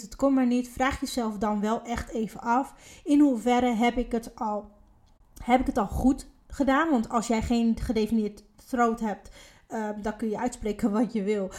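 A woman's voice: a little high, a little mellow. Earnest Dutch-speaking woman co-host. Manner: earnest, explaining with repetition and emphasis. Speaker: podcast co-host. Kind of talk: casual explanatory chat.

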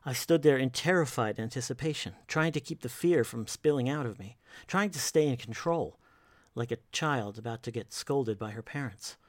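A male narrator reads a horror story slowly and carefully, often dropping to a hush. His voice sits at an ordinary pitch, and the recording is dry and close, with no room sound. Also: no echo.

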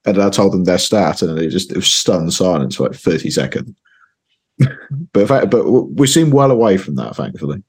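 A man with a low, husky and hoarse voice talks casually as a guest on a football podcast. He hesitates and repeats words as he goes. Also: lively intonation, fairly quick, darkish tone. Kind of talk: casual chat.

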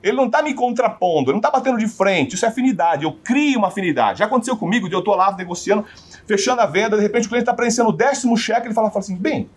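A man's voice: high-pitched, lively intonation, very fast, breathy edge. A man with a Brazilian Portuguese accent giving a sales training talk, often putting rhetorical questions to his audience.

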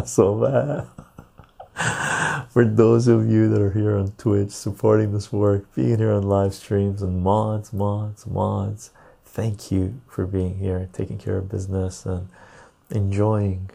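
A man with a fairly low, very creaky voice chats casually to his live stream viewers through a clip-on lapel mic. His delivery is laid-back and jokey, with a husky edge. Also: level tone, slow, mellow. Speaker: live stream and podcast host. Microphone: lapel mic clipped on.

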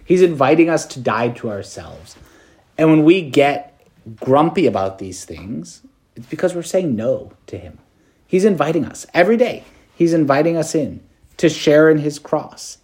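Chatty priest with a slightly high voice. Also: male voice, expressive, moderate pace, darkish tone. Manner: conversational, peppered with "like" and "right?"; light self-deprecating humor. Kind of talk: preached meditation to students.

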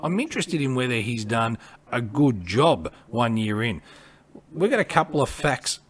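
A man's voice: medium pitch, sing-song, moderate pace. A man co-hosting a podcast, giving blunt, emphatic opinions and repeating his points. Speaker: podcast co-host.

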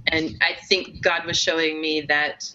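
A woman's voice: sits low, level tone, unhurried, bright, forceful tone. A woman co-hosting a casual faith-based talk show, candid and self-deprecating, laughing often. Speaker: podcast co-host and author. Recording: slightly muffled audio with faint noise.

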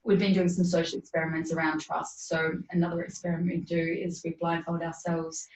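A woman, a podcast guest, telling a personal story in a casual, earnest, animated way and laughing often. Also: on the low side, brisk. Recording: roomy, distant, dull sound.

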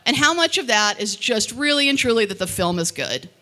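Woman host, higher voice, bright and blunt, combative comedy debater. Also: very animated, fairly quick. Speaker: podcast host. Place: live event room.

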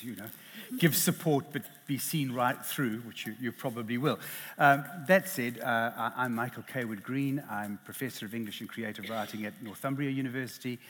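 Through a headset in an echoing lecture hall, a middle-aged South African man leads a literary panel. His medium-pitched voice is a bit bright, with a little hiss or hum in the background. He comes across as hesitant and self-deprecating, often starting over.

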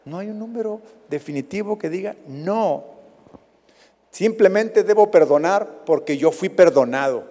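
A high-pitched Mexican man preaching with a lively, swooping delivery. His voice carries a long reverberant tail from a church hall. He climbs to loud peaks, then drops off almost to a murmur. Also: unhurried. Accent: Mexican Spanish. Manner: animated preaching with dramatic rises and fades. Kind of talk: sermon.

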